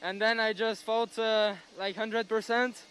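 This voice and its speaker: A young man from France with a French accent, a native French speaker, answering an interview as race winner, halting with many fillers. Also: high voice, little pitch movement, a bit bright, slight background noise, low-quality recording.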